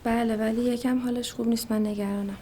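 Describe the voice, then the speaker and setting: A woman's voice: on the high side, little pitch movement, warm tone, natural voice. Woman playing anxious wife, urgent and pushy, faint background hiss. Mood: weary. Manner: urgent, demanding questions. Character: anxious wife and mother, young adult woman. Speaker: worried wife of an injured man. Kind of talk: film acting.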